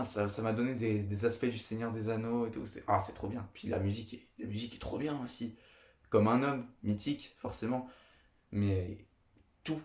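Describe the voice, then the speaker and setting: A man's voice: lowish voice, a little mellow. A young man chatting enthusiastically and casually about his film collection as a video host. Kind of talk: casual film review monologue. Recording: echoey room.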